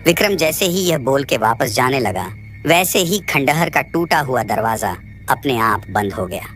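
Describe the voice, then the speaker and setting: A man narrating a scripted horror story in a steady, suspenseful way. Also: medium pitch, moderate pace, faint music behind.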